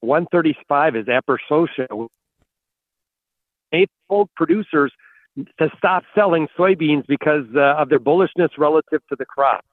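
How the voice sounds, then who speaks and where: A man with a fairly high voice comes through a buzzy, glitchy phone call, thin and dry with no room around it. He talks in halting stretches and repeats words as he works through his point. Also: no room sound. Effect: buzzy, glitchy phone call audio that breaks up. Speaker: farm market analyst guest. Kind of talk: call-in radio interview. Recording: dry, tinny phone line.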